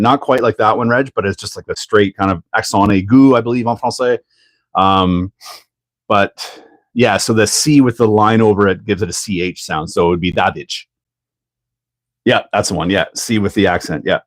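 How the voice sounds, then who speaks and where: A man's voice: on the low side, moderate pace, dry recording, clean studio sound. A Canadian man hosting a live stream, chatting casually while he builds and answering viewers, with frequent laughs. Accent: Canadian English.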